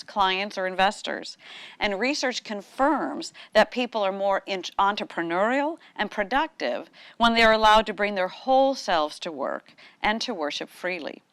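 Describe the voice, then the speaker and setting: A woman's voice: mid-range voice, animated, moderate pace, a bit bright, clean tone, dry recording. A woman giving a prepared presentation in an upbeat, promotional way.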